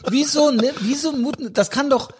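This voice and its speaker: A man in casual podcast banter, excitable and laughing often. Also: extremely high pitch, normal speed.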